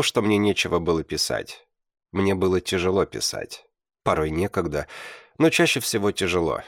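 A man narrating a first-person audiobook in a measured, deliberate reading, with blunt slang. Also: low voice, no room sound, studio quality.

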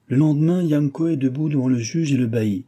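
Dark husky male audiobook narrator. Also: a little fast. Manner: dramatic, expressive reading with big swings in pitch and loudness.

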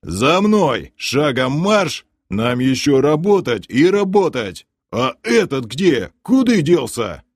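A man voicing a stern, gruff male city guard who barks orders and grumbles in an audiobook. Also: medium pitch, sing-song, takes it slowly, few pauses, no echo, clean studio sound, pitched above the performer's own voice. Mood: ordering. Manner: barking orders, grumbling, suspicious. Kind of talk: audiobook character voice.

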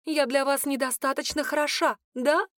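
A woman voicing a young female cook, normally quiet, now sharp and indignant with hurt. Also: high-pitched, fairly even intonation, moderate pace, no room sound, clean studio sound, pitched above the performer's own voice. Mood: bitter.

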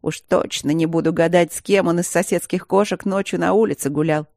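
A narrator voicing a brisk, scolding middle-aged married nurse in an audiobook. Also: mid-range voice, steady tone, gravelly, no room sound, studio quality, close to an everyday voice. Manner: loud, scolding, matter-of-fact. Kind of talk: audiobook character reading.

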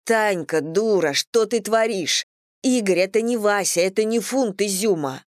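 A woman reading an audiobook, voicing a protective older sister who scolds in a sharp, worried way. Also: mid-range voice, a little slow, no room sound, studio quality, voice pushed up, close to an everyday voice. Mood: scolding.

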